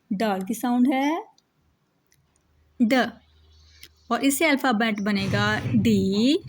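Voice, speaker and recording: Lady teaching kids urdu letters, slow n patient, urdu-speaking pakistani accent, bit high voice. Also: slight background noise. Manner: slow, patient, repeats each sound, asks and answers own questions. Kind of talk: children's alphabet lesson.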